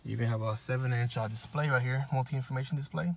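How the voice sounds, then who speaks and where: A man's voice: medium pitch, fast talker, vocal fry, a little hiss or hum. Man filming a car walkaround on a phone. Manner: relaxed, offhand, talks to viewers directly. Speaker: car salesman showing a new car. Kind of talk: casual walkaround video. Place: outdoor car dealership lot and inside a car. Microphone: phone held in hand while filming.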